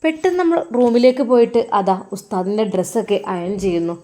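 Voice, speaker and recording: A woman with a Malappuram accent narrating a family story in a lively, dramatic way. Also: a little high, quick pace. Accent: Malappuram Malayalam.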